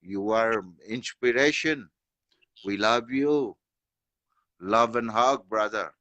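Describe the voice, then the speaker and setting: Slow-talking man on a lo-fi call. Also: fairly low pitch, pushed and bright, dry recording. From Nepal. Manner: slow, halting non-native English with repeated "yeah" and "you know". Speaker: guest on a call-in stream. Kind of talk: casual video call chat. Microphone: phone without earphones. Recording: dull lo-fi video call audio.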